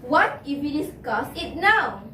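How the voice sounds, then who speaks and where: Casting: Malaysian female soloist, high voice, slow declamatory stage delivery, recorded far off in an echoey room. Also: big pitch swings, pushed and bright. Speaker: solo speaker in a choral speaking team. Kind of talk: rehearsed stage recitation. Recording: distant, echoey hall with background noise.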